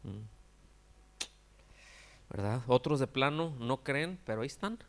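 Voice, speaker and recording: A man's voice: medium pitch, lively intonation, unhurried, creaky. A man, a pastor giving a conversational sermon full of rhetorical questions to his congregation. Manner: acts out quoted characters with exaggerated cries.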